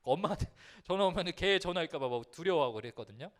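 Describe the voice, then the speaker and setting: A youth pastor with a high voice that swings widely up and down as he tells a funny story from his school days. He talks straight to the young people in front of him, keeping the sermon light and playful. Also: racing. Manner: lively, humorous, addresses listeners directly.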